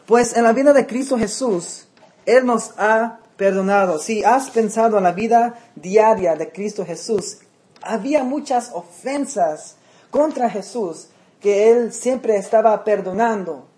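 Mellow-voiced male pastor preaching. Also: high voice, a little slow. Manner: conversational preaching with frequent check-ins to the congregation; mixes English words into Spanish. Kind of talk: sermon.

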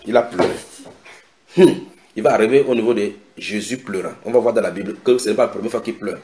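A man preaching a sermon, retelling scripture dramatically with sudden shouted quotes and direct questions to his listeners. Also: lowish voice, quick pace. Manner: asks the audience direct questions. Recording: echoey room.

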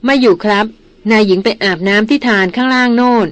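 A woman's voice: a little high, fairly quick, dry recording, close to an everyday voice. Deferential male camp helper, short polite answers, read by a woman narrator, dry sound. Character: humble male camp servant, polite and timid.

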